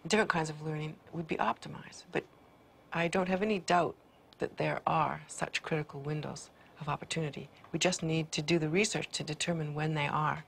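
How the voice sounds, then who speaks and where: A woman's voice: sits low, fairly even intonation, fairly quick, vocal fry, fairly bright tone, slight background noise. A woman researcher explaining brain development confidently in an interview. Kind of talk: interview answers.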